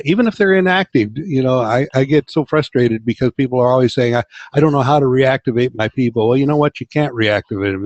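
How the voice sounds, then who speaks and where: A man with a mid-range voice hosts a casual online business meeting, sounding upbeat and encouraging as he speaks over a video call. The webinar audio is dry, dull, and lo-fi.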